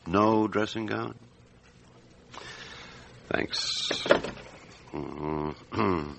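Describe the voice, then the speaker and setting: A man playing a calm, middle-aged French police chief inspector in a radio drama, speaking in a measured, deliberate, matter-of-fact way. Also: deep voice, vocal fry, background noise, exaggerated voice. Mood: businesslike.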